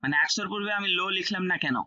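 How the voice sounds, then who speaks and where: Bright-voiced man teaching a class. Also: high voice, racing, lo-fi sound. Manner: explains step by step, repeats key words, checks understanding. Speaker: French teacher. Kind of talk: online class lecture.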